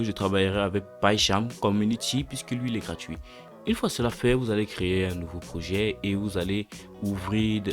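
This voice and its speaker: Low-voiced young man explaining code. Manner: relaxed and slangy, talks through steps aloud and corrects himself. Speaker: coding tutorial host. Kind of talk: casual screen-recorded coding tutorial.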